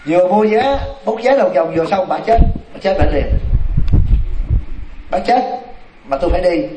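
A man, a Buddhist monk telling a story in a dharma talk, animated and speaking straight to his listeners. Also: sits high, normal speed. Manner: animated, addresses the audience directly. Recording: echoey room, mic far off, noisy.

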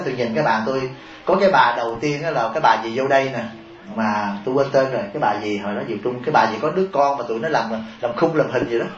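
A man, a Buddhist monk giving a humorous sermon, often chuckling and asking his listeners rhetorical questions. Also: mid-range voice. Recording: echoey, dull taped sermon recording.

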